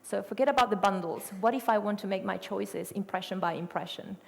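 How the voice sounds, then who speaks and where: Speaking a little fast with vocal fry in a mid-range voice, a middle-aged Argentine woman gives a conference presentation. A native Spanish speaker with an Argentine Spanish accent, she fills it with fillers, self-corrections and rhetorical questions. The hall is reverberant.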